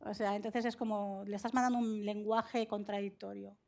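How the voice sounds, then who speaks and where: A woman psychologist answering interview questions in a measured, explanatory way, often laughing, from Spain. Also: mid-range voice, flat delivery, gravelly, darkish tone. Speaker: psychologist guest.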